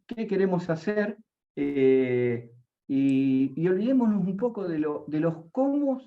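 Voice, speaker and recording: A man, speaking as a university panelist in an earnest, halting way with many fillers. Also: sits high, lo-fi sound. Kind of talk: conversational panel reflection.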